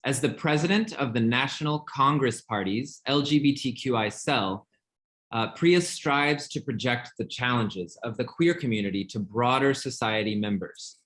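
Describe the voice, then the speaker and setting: A man's voice: medium pitch, moderate pace, a bit bright. A man acting as moderator, formally introducing guests and putting questions to them in a panel discussion.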